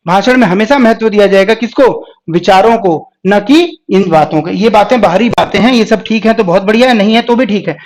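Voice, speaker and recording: High-voiced man teaching a live class. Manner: explains step by step, keeps asking the class questions. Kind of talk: live exam-prep lecture.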